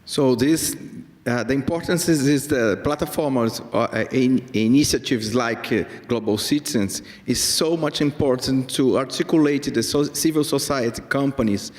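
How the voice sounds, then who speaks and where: Halting man with a Brazilian Portuguese accent. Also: medium pitch, darkish tone, long reverb tail. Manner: halting, searching for English words. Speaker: state secretary, panelist.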